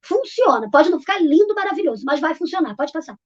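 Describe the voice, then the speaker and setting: A woman with a Brazilian Portuguese accent, a literacy teacher, explains classroom games during a live online talk, speaking informally with many fillers and restarts. Her voice is extremely high and sing-song, and she talks fast, captured in dull lo-fi audio.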